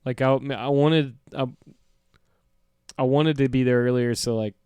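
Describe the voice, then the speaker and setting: A man co-hosts a casual podcast, firing off short reactions and crude jokes. His voice is smooth and clear at an ordinary pitch, recorded dry and close to the mic. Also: steady tone, unhurried, warm tone, no echo. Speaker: podcast co-host. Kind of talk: casual chat.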